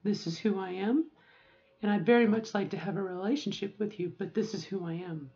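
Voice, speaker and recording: Woman, 40s, casual vlog advice, self-correcting and rambling, mid pitch, slightly muffled recording. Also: a little fast, warm tone. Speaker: vlogger.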